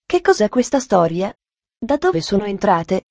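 A woman's voice: mid-range voice, very animated, a little slow, darkish tone, dry recording. A woman reading aloud and voicing a stern, strict middle-aged aunt with a stiff, reproachful manner.

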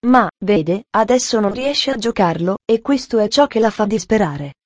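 A woman's voice: mid-range voice, animated, moderate pace, dry recording, close to an everyday voice. A woman voicing a tearful, respectful young maid. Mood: distressed. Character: young housemaid, respectful and upset.

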